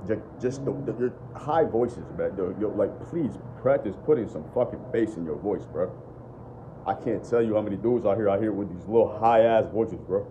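A young adult man with a deep voice vlogs unscripted about dating and self-improvement, talking to a phone camera at arm's length in his living room. He speaks at a moderate pace, bluntly and profanely, repeating "bro" and "bottom line." The phone recording is muffled, with steady room noise.

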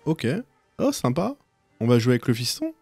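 A man's voice: mid-range voice, huge pitch swings, normal speed, creaky, a little mellow, no echo, soft background music. A man hosting a gaming video, commenting casually and thinking aloud as he plays. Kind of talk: casual let's play commentary.

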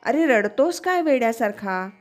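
A woman's voice: fairly high pitch, animated, moderate pace, natural voice. A woman doing an exasperated ancient king. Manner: exasperated, scolding. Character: grieving, irritated ancient king, male.

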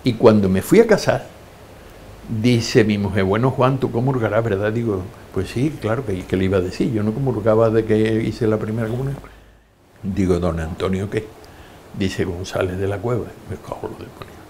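Over slight background noise, an older man with a lowish voice recounts his life stories at a normal speed. The interview is full of lively anecdotes in which he performs the quoted voices of the people involved.

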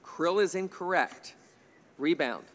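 A middle-aged quiz bowl moderator reads questions with light banter on an indoor TV studio stage, speaking into a desk microphone on a stand. He's chatty and jokey, chuckling at his own remarks, and his voice is on the high side and fairly bright as he takes it slowly. The sound is reverberant.

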